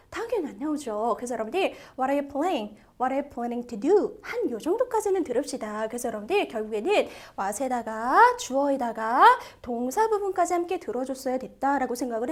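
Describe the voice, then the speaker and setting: A TOEIC listening instructor with a bright, high voice teaches a test-prep video lecture. She's lively and animated, repeatedly turning to her students with questions.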